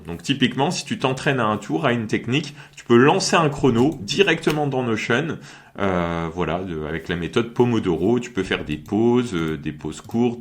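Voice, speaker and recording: Man, casual walkthrough, talks to the viewer directly, lots of fillers. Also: medium pitch. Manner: chatty, many fillers and check-ins. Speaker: magician and course creator. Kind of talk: casual screen-share tutorial.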